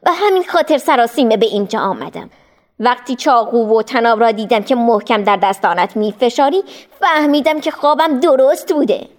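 A woman's voice: a little high, animated, lightly acted. A woman voicing a scheming, mocking male devil in a storybook reading, drawn out and taunting. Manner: taunting, drawn-out, with sneering laughs.

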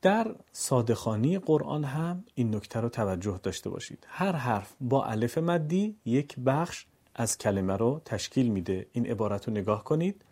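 A man teaching Quran reading to Persian speakers, drilling letters and long vowels slowly and deliberately. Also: medium pitch, lively intonation, mellow. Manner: slow, deliberate drawn-out vowel demonstrations; opens with formal poetic greeting. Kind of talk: recorded lesson, letter drills.

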